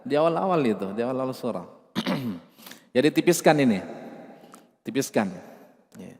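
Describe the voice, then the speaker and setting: A man with an Indonesian accent teaching Quran recitation rules, patiently explaining and slowly chanting drawn-out example words. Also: mid-range voice, lively intonation, a little mellow, long reverb tail. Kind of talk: tajwid lesson with chanted examples.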